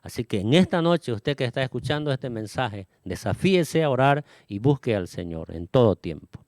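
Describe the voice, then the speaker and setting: A man preaching a sermon to his congregation, often tagging his phrases with a questioning "¿no?" and filling pauses with "este". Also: mid-range voice, very animated, darkish tone, no room sound, studio quality.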